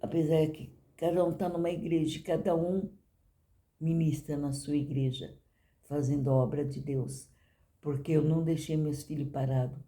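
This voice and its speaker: A woman's voice: deep voice, fairly even intonation, moderate pace, mellow. An older woman giving a personal testimony in church, talking conversationally to the congregation and often asking "you know?".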